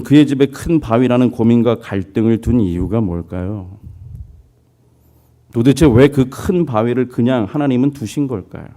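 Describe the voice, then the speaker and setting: A man preaching a sermon as pastor, telling a story, putting on voices for its people and asking the congregation questions. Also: lowish voice. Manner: lively storytelling, voicing characters, asks congregation questions.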